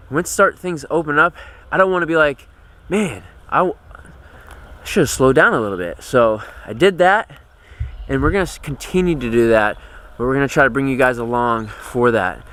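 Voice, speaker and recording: A man's voice: a little high, pushed and bright, clear, resonant tone. An American man in his thirties giving an earnest, conversational walk-and-talk vlog update outdoors on a farm. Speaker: homesteading vlogger.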